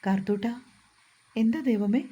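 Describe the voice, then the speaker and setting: A woman reading out a kindly older mother who soothes her son and daughter-in-law. The tone is mellow and slightly breathy, with a gentle, caring manner. It comes from a storybook narration. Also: mid-range voice, steady tone, moderate pace, muffled recording, lightly acted. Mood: motherly.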